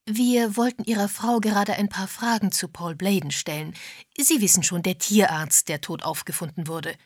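A woman reading an audiobook, voicing a brisk, pushy middle-aged sleuth who speaks bluntly. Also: medium pitch, breathy edge, no echo, studio quality.

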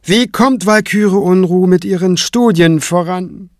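A man voicing a lofty, weary male high priest in an audiobook, speaking in a regal, commanding manner. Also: unhurried, no echo, clean studio sound.

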